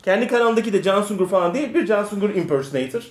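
A man's voice: sits high, lively intonation, very fast. A man co-hosting a show, teasing his friends and laughing often in casual banter. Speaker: co-host. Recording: echoey room with faint noise.

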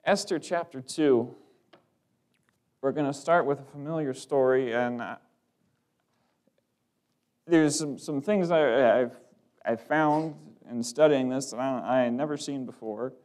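A man's voice: mid-range voice, a little slow, long pauses, a little mellow. A man preaching to his congregation, telling a family story loosely with restarts and small laughs before turning to scripture. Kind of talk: sermon with personal testimony.

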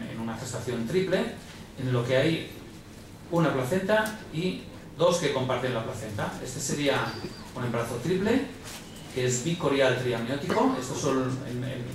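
A man's voice: medium pitch, noisy background. A man giving a medical conference lecture, explaining slides and often repeating words as he thinks. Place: large lecture hall. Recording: echoey hall from far off.

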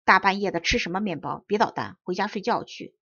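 A woman voicing a grumpy, wrinkled little old man who barks gruffly. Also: medium pitch, expressive, brisk, sharp tone, no room sound, dull audio, heavily acted. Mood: angry. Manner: gruff, barking.

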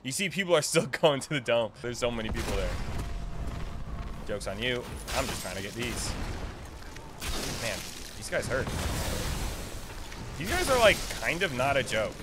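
Seated at a desk in a small room, a thirtysomething game streamer talks playfully to himself and the game through a close boom-arm microphone. His medium-pitched delivery swings widely in pitch at a moderate pace, broken by long pauses, over background noise.

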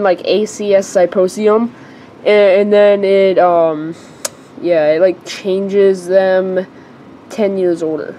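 Excitable kid big brother, rambling and fast-changing, played by a girl; mid-pitched, homemade toy movie. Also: slight background noise, close to an everyday voice, rough recording. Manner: rambling, full of "like" and restarts.

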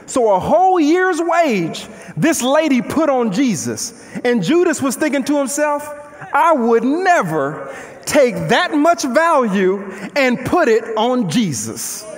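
A young man with a strikingly high voice delivers a sermon from a large church stage, pacing and gesturing as he goes. He speaks slowly but in an animated, conversational style full of rhetorical questions, and reverb hangs in the big hall.

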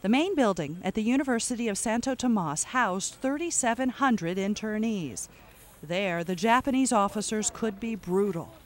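A woman reading scripted documentary narration in a measured, matter-of-fact way. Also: medium pitch, lively intonation.

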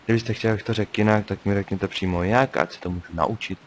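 This let's-play features a young man with a lowish voice and fairly even intonation, casually chatting and often muttering to himself while gaming. The audio is poor, with a faint hiss underneath.

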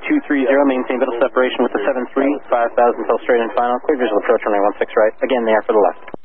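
Male air traffic controller, very fast clipped instructions, narrow radio band, static. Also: mid-range voice, flat delivery. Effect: aircraft radio with static.

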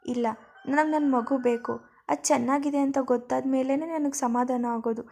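A woman's voice: high voice, steady tone, moderate pace, gravelly, a little hiss or hum. A woman voicing a distraught young mother who cries and begs for her baby. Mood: frantic. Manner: frantic, pleading, loud.

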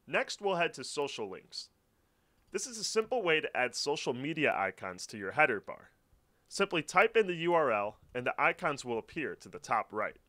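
A man's voice: a little high, big pitch swings, normal speed, sharp tone. A man narrating a scripted step-by-step website setup walkthrough as a voice-over. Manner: clear step-by-step instructional. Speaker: tutorial narrator. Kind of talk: scripted screen-recording walkthrough.

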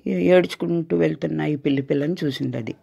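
An older woman telling a children's story as a grandmother, in a gentle, coaxing tone. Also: low voice, fast talker, creaky, slightly rough. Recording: dull lo-fi recording.

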